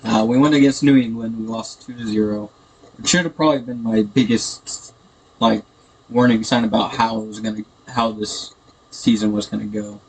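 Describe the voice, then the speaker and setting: Through a tinny, echoey computer mic with background noise, a male gaming video host chats casually and hesitantly, rambling about his play. His voice is fairly low and husky, with fairly even intonation at a moderate pace.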